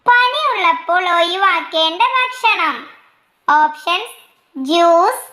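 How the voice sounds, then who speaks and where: A woman reading out quiz questions, their options and the answers in a slow, measured way, dropping her pitch for each list of options. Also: animated, pushed and bright, roomy sound. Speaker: quiz reader.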